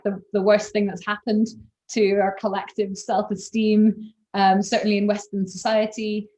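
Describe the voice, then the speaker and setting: A woman's voice: medium pitch, a little mellow. Thoughtful woman interviewer. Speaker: interviewer, director.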